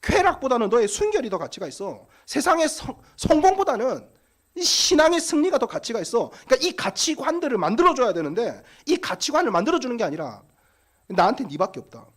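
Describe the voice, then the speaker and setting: A male pastor, preaching to parents in a high, quick voice. His delivery swings widely in pitch as he tells stories and acts out the people in them. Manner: animated storytelling, acts out quoted voices. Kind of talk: sermon-style seminar for parents.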